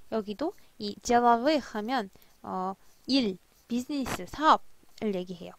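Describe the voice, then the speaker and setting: Slow, careful woman teaching Russian. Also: on the high side, fairly bright tone, dry recording. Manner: slow careful spelling-out of words, repeating drills. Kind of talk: language lesson explaining drama lines.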